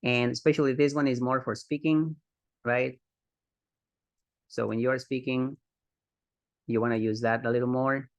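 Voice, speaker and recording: A man teaching an advanced English grammar lesson to online learners, in a mid-pitched voice. He keeps an upbeat tone and repeats key terms to drive them home. The recording is close and dry. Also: little pitch movement, moderate pace, long pauses, no echo, dull audio.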